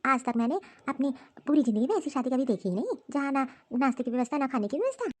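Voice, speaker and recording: A woman's voice: high-pitched, animated, quick pace, a little mellow. A woman voicing a stern, proud elderly grandmother-in-law in a cartoon story who scolds and lectures her family. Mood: complaining.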